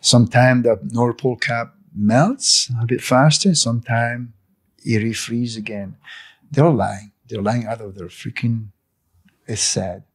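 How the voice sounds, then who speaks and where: Interviewed at home in his living room, a sixty-something cafe owner speaking English as a non-native language preaches with emphasis and hand gestures into a fluffy handheld mic. His mid-range, slightly rough voice keeps a fairly even intonation and runs a little slow through the impassioned monologue.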